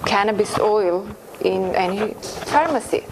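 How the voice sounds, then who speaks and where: A woman's voice: medium pitch, lively intonation, a little slow. A young woman hosting a TV interview, hesitant and searching for words. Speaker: host. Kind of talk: TV studio interview. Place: TV studio set. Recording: studio with background noise.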